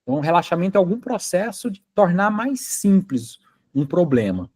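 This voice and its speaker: Casual and very animated, this male university lecturer speaks at normal speed in a voice that sits high, a little mellow with a breathy edge. He has a Brazilian Portuguese accent, uses lots of fillers, and keeps checking that students follow his informal lecture.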